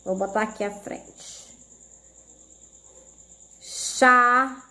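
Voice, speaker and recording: A woman's voice: high voice, lively intonation, slow pace. A Brazilian woman teaching a video lesson to young pupils, explaining patiently step by step and checking they follow. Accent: Brazilian Portuguese. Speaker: primary school teacher.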